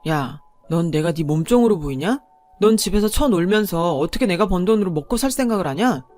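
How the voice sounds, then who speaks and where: A woman's voice: lowish voice, lively intonation, brisk, a little mellow, soft background music, lightly acted. A woman voicing a scornful, money-obsessed young husband who berates his wife. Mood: sneering. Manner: sneering, berating.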